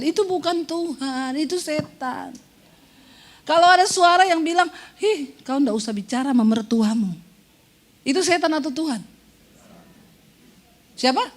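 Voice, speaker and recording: A woman pastor with a high voice preaches a lively sermon. She teases her listeners and acts out the voices she quotes. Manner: playful, teasing the congregation, acts out quoted voices.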